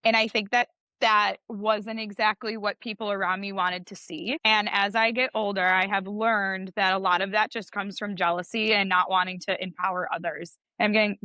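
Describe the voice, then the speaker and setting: A woman's voice: mid-range voice, steady tone, normal speed, sharp tone, no room sound. A young woman, a judge and coach, talking in a chatty, emphatic way in a casual interview. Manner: chatty and emphatic, heavy use of "like".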